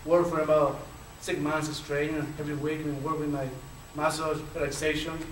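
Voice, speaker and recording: In a lecture hall, a man from Chile shares his personal story as a panelist, speaking at normal speed in a rather high voice with little pitch movement. His Chilean Spanish accent comes with a stutter and many fillers. Captured from far off, the audio is echoey with faint noise.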